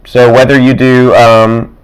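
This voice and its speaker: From his desk, a man gives a laid-back, example-driven math lesson, thinking out loud and chuckling through asides. His medium-pitched voice stays level and slow, raspy and dry, getting rougher with constant throat-clearing, and the audio is poor.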